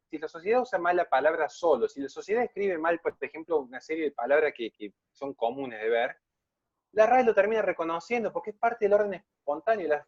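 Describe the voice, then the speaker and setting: A man's voice: a little high, no room sound, dull audio. A man giving an emphatic, polemical online lecture and answering questions.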